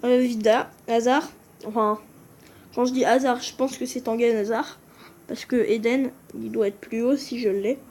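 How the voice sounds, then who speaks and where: A woman's voice: a little high, fairly even intonation, normal speed, darkish tone, a little hiss or hum. A woman giving casual commentary on a game video, hesitant and often stumbling over and correcting names. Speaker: gaming video creator. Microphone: phone screen recording.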